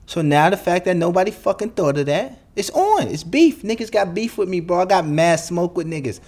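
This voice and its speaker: A man's voice: high voice, expressive, fairly quick, darkish tone. A young man, ranting bluntly and profanely as a podcast host. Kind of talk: solo podcast monologue.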